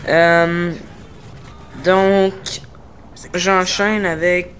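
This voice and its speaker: Very slow and flat, his high, fairly bright voice comes with slight background noise. The man, a Québécois-accented gaming YouTuber from Quebec, introduces his channel over gameplay in a halting way, using many fillers while trying hard to speak clearly.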